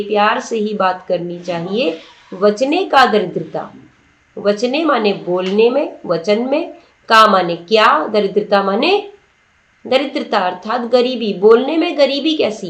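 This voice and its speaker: Slow, patient woman teacher in roomy echo. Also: on the high side. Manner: slow, patient word-by-word explanation with questions to students. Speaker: Sanskrit teacher. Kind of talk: explaining a textbook lesson.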